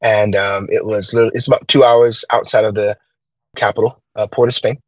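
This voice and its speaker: Speaking briskly in a lowish, steady voice, this interview guest recounts his own story. He grew up in Trinidad, has a light accent from there, and reflects sincerely while often using fillers and starting over. There's no room sound.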